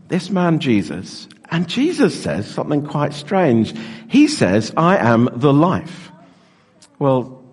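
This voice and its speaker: A middle-aged man leads an interactive sermon with a lively, animated voice that rises and falls freely. He jokes warmly with the people in front of him and pulls them into the talk. His words ring out through a large church with a long, echoing reverb. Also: mid-range voice, breathy edge. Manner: lively, joking, engages the congregation. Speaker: pastor. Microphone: handheld microphone. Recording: echoey church hall reverb.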